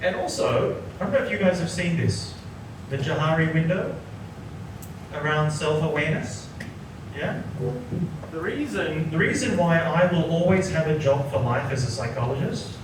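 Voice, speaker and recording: A man in his forties, from Sri Lanka, gives an interactive workshop talk, tagging "right?" onto his points. His voice sits a little high and is heard from some way off the mic in a very echoey room. Steady background noise runs under the recording. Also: moderate pace, recorded from a distance. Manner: keeps checking in with the audience by asking "right?". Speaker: psychologist giving an executive workshop.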